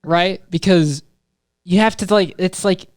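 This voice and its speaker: A man's voice: high-pitched, unhurried, dry recording, studio quality. A nineteen-year-old man from Wisconsin, a podcast guest who thinks aloud in a casual, rambling way with trailing asides.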